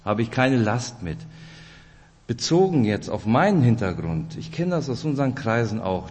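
His voice is lowish and darkish in tone, carrying a Russian-German accent with a rolled R. This Kazakhstan-born lay preacher in his forties opens an informal church-weekend sermon with a personal introduction, talking to the audience in a warm, chatty way while the hall echoes around him.

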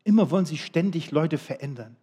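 A middle-aged man preaching a sermon, swinging between loud, emphatic appeals and quiet, low asides. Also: fairly quick, slightly rough.

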